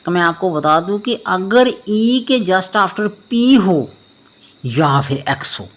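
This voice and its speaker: A man teaching a pronunciation lesson, spelling words out letter by letter and often checking whether it is clear. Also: sits high, lively intonation, slow pace, fairly bright tone. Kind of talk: spoken classroom lesson.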